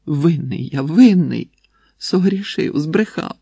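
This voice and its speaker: A trembling young monk gabbles and wails in terror, his voice rough and husky, voiced by a male storyteller. The recording is dry and close, with no room sound. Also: on the high side, expressive, takes it slowly, warm tone, no echo, pitched above the performer's own voice, full character voice. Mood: wailing. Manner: frantic, gabbling, wailing.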